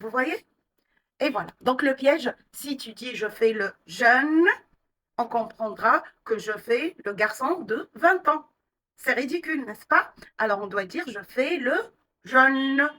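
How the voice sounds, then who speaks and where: A woman teaching French, explaining words and pronunciation patiently, step by step, with many pauses and fillers. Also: high-pitched, animated, sharp tone, recorded from a distance, poor audio. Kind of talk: language lesson explaining vocabulary and pronunciation.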